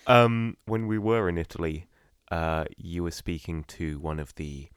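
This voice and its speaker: A podcast co-host in casual chat, supportive and gently teasing, laughing often. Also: low voice, a little slow, clean tone, no room sound, studio quality.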